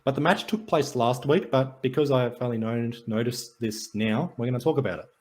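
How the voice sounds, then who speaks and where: A man's voice: medium pitch, a little fast, darkish tone. Man reading sports stats. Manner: reads stats, dry jokey rundown. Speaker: podcast co-host. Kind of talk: casual sports and wrestling chat.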